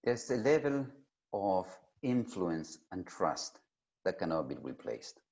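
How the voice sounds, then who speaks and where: Male keynote speaker, lowish pitch with very lively swings, emphatic delivery, slightly dull lo-fi recording. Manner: emphatic, deliberate, with pauses for emphasis. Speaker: keynote speaker at an industry summit. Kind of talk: prepared keynote address. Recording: dull, lo-fi sound.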